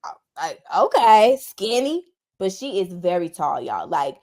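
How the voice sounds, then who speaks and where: A woman podcast co-host, excitedly retelling a celebrity encounter in casual chat. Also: medium pitch, a little slow. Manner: animated, excited retelling with quoted dialogue.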